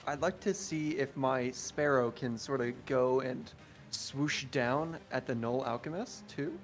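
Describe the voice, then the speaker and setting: Dude at a tabletop game, middle pitch, jokey and laid back. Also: male voice, unhurried, faint music behind. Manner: jokey, laughs often. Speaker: player. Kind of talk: casual tabletop game chat.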